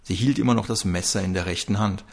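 A man narrates a crime story with dramatic pacing. His voice is low and gravelly, with a rough fry in it. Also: fast. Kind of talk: reading a crime story aloud.

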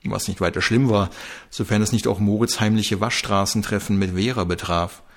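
A man reading a crime story aloud in a calm, measured way. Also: lowish voice. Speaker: audiobook narrator.

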